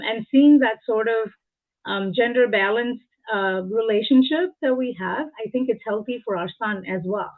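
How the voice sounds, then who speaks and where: A woman in her forties, from India, speaking as an interview guest in an earnest, reflective way, drawing on personal examples. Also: fairly high pitch. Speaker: guest, engineering leader. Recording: tinny phone-like call audio.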